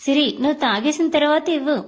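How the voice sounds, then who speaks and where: A woman's voice: sits high, fast talker, lightly acted. A woman voicing a young husband who teases his new wife playfully in a storybook reading. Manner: playful teasing. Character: young husband, teasing and affectionate.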